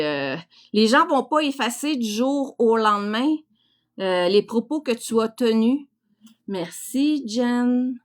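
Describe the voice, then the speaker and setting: A woman with a fairly high voice and a Québécois French accent. She talks slowly, in a casual livestream style. Her manner is frank, teasing and crude, full of colloquial turns. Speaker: livestream host. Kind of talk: casual live chat reacting to viewers.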